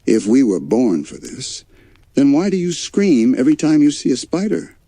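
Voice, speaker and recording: A man's voice: medium pitch, very animated, normal speed, warm tone, dry recording, voice pushed up. A man voicing a timid, worrying, sweet male panda in a bedtime story, hesitant and wry. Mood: teasing.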